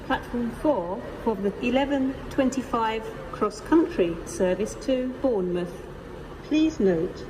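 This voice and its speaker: A woman making formal, measured pre-recorded public announcements in the manner of an airport or railway station announcer. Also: on the high side. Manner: measured, formal, item-by-item listing. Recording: noisy station PA with vehicle ambience. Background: train station ambience, vehicles.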